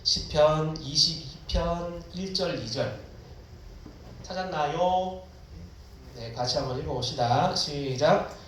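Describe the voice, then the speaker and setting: A man's voice: fairly high pitch, slow pace, pauses often, distant mic, slight background noise. Echoey preacher man calling out to students. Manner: preaching to students, mixes casual and formal speech, cries out prayers dramatically. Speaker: pastor. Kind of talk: sermon.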